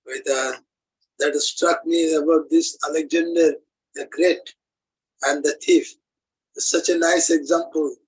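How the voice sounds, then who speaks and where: A man in a class audience giving an earnest devotional comment in halting phrasing. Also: a little high, steady tone, husky, poor audio.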